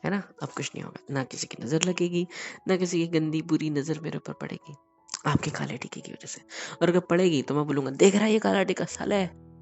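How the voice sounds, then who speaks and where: A man's voice: a little high, brisk, vocal fry, darkish tone, lo-fi sound, faint music behind. A man playing an affectionate young husband who soothes and teases his wife in an intimate romantic audio drama. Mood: tender. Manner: tender, teasing and coaxing.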